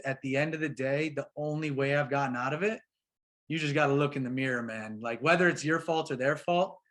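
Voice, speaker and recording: Guesting on a laid-back interview, a male pro soccer player with a higher-pitched voice speaks animatedly, full of slang, addressing his host as "bro" and "man."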